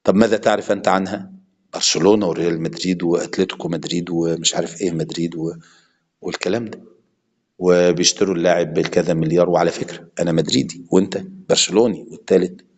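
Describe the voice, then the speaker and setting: In a deep, slightly mellow voice with fairly even intonation, a man with an Egyptian accent preaches at a quick pace. The sermon is impassioned and switches between classical and colloquial Arabic, with a long hall reverb around it.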